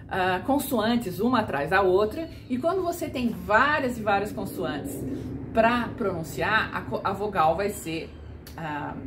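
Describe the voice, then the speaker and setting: A woman teaching pronunciation, speaking at an unhurried, deliberate pace. She models each sound carefully and patiently. Her voice rings in an echoey room over a faint hiss. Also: mid-range voice. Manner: patient, demonstrates sounds slowly. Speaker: German teacher. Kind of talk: pronunciation lesson.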